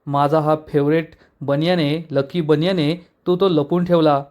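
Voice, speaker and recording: A man's voice: a little high, little pitch movement, normal speed, darkish tone, close to an everyday voice. A man reading as a taunting young mechanic. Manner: taunting, mocking. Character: boastful young male garage mechanic, quarrelsome.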